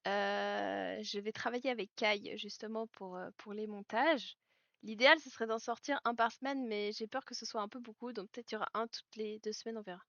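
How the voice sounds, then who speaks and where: A woman streaming live while making clothes, chatting with viewers, telling stories, laughing often and switching into halting English. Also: medium pitch, steady tone, dry recording, muffled recording. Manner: chatty storyteller, laughs often, answers chat. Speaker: livestreamer and clothing maker. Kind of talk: casual chat with live viewers. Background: soft background music.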